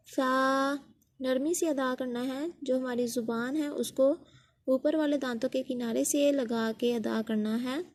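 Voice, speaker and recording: A woman with a high-sitting voice teaches how to pronounce Quranic letters. She goes patiently, one step at a time, repeating each sound so learners can copy her.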